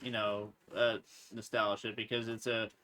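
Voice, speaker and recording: A man's voice: fairly low pitch, flat delivery, moderate pace, pushed and bright. A man in his mid-thirties co-hosting a podcast, talking in an easygoing, agreeable way with frequent "yeah"s and restarts. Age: 30s. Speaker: podcast co-host. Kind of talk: casual chat.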